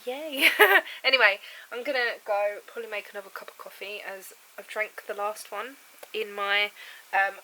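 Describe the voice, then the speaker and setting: With a steady medium pitch, a moderate pace and a bright, forceful tone, a vlogger talks to camera indoors at home. She's got a cold and a froggy, stuffed-up throat, but stays chatty and rambling, laughing frequently; the audio is poor.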